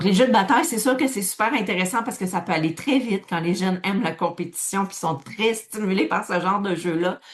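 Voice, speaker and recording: A woman walks through a card game in a relaxed, explanatory way. She thinks aloud as she goes, with plenty of fillers and restarts. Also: mid-range voice. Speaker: presenter demonstrating a card game. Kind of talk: casual explanatory demonstration.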